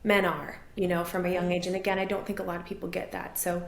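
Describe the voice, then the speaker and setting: A woman's voice: on the low side, flat delivery, fast, creaky, reverberant. A woman from Maine, a relationship and business coach, talking earnestly and reflectively as an interview guest. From Maine, USA. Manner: earnest, reflective, rises when enthusiastic. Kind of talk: casual interview talk.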